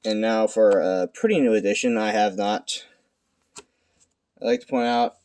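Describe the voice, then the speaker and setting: Young male, lowish pitch, hushed night-time delivery; unscripted hobby presenter, halting and self-deprecating. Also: steady tone. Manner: halting, self-deprecating, stumbling over words. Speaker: amateur video creator presenting a card deck. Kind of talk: casual unscripted card game deck profile. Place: at home at night.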